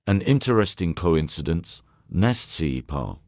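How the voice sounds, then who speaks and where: A man voicing a calm, courteous elderly detective who asks questions softly and drops French words. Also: low voice, slow pace, no room sound, studio quality, pitched below the performer's own voice, exaggerated voice. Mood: calm probing. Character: elderly male Belgian detective, calm and probing.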